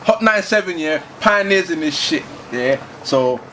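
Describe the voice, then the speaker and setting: A man's voice: a little high, lively intonation, a little slow, pushed and bright, slight background noise. A young man, hosting a casual debate chat, laid-back and slangy, swearing often. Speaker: host.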